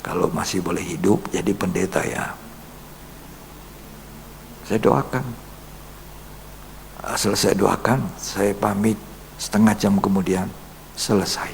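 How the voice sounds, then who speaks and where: A male pastor telling a story, quoting people in a hushed voice and then urging his congregation forcefully. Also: low voice, steady tone, a little slow, vocal fry, long pauses. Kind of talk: Bible study sermon. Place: church hall. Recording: long reverb in a church hall, faint hum.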